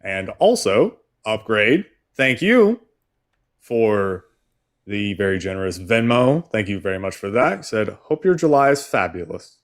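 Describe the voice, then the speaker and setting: A man's voice: on the low side, sing-song, measured pace. A man in his thirties co-hosting a live stream, reading supporter messages aloud in an easy way. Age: 30s. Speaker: co-host.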